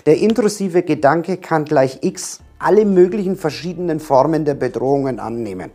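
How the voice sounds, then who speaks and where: A man's voice: fairly high pitch, lively intonation, normal speed, warm tone, faint music behind. A man giving a direct-to-camera coaching talk on anxiety, emphatic, repeating key words and firing rhetorical questions at the viewer.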